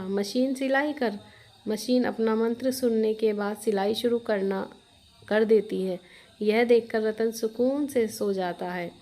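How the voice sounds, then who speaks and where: A woman narrates a simple moral tale with a steady, plain delivery. Her voice sits a little high for a woman, and she keeps the telling clear and unhurried. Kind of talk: storybook narration.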